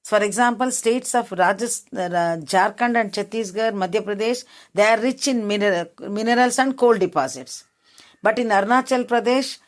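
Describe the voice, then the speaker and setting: A woman with an Indian English accent teaching a class. She reads out points and then explains them again in simple words, checking whether the class understands. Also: mid-range voice. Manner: rephrases each point in simple words, asks if it is clear.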